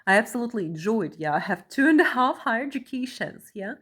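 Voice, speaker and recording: A woman's voice: on the high side, very animated, fast talker, a bit bright, husky. A woman from Russia who talks earnestly while reading a document aloud, often ending phrases with a questioning "yeah?" and repeating herself. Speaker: vlogger, asylum seeker.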